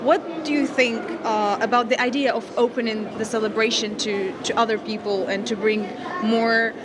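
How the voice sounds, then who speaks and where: A woman's voice: on the high side, steady tone, moderate pace, noisy background. A woman interviewing guests politely on the spot at an event. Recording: music and loud crowd behind.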